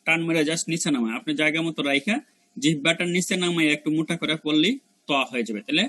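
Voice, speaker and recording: A man. He repeats each letter sound again and again, drawing it out slowly so learners can follow. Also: fairly high pitch, bright, forceful tone. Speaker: Quran pronunciation teacher. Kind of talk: spoken lesson on letter pronunciation.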